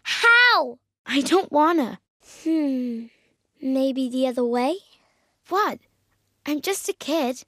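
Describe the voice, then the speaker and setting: Young Aloy, high-pitched curious little girl. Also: animated, slow, long pauses, bright, forceful tone, no echo, studio quality, exaggerated voice. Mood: childlike, earnest. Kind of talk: video game voice lines.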